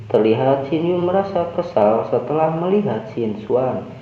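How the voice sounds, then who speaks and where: Brief: male recap narrator, steady reading, roomy dull recording. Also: medium pitch, unhurried, a little hiss or hum. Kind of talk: scripted narration.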